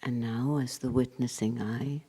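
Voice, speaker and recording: A spiritual teacher leads a meditation in a medium-pitched, steady voice with a breathy edge. His phrases are short, with long gaps between them and endings that fade to a hush.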